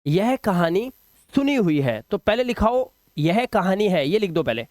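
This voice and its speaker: A man teaching an English lesson in Hindi. He explains slowly, repeats each word and keeps checking "ठीक है?". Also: high voice, very animated, darkish tone, dry recording, studio quality. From India.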